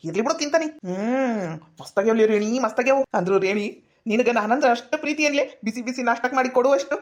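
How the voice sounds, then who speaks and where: Woman acting as village husband, North Karnataka accent, scolding, quick talker. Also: on the high side, animated, close to an everyday voice. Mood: coaxing. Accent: North Karnataka Kannada. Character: village husband, middle-aged, grumbling. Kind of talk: village comedy sketch.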